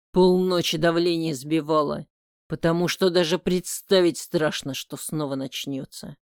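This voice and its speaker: An audiobook narrator telling a first-person story in an intimate, emotional way. The voice is smooth and clear at an unhurried pace, picked up close on a studio mic with a dry sound. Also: medium pitch, no echo.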